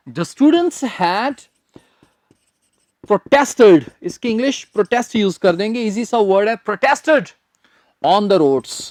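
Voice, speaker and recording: A man with an Indian accent teaching English phrases in a recorded lesson, dictating slowly, spelling words letter by letter and repeating them for students. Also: sits high, darkish tone, no echo, studio quality.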